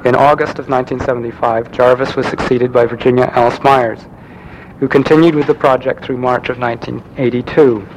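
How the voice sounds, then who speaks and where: A man giving a prepared lecture, reading in a measured way with occasional restarts. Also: mid-range voice, steady tone, slight background noise, low-quality recording.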